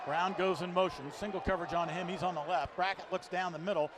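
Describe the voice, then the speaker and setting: A man calling arena football play-by-play in an indoor arena, excited and rising to shouts on big plays. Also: high voice, quick pace. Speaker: play-by-play announcer. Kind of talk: play-by-play commentary. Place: indoor arena broadcast booth. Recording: loud crowd and arena noise behind.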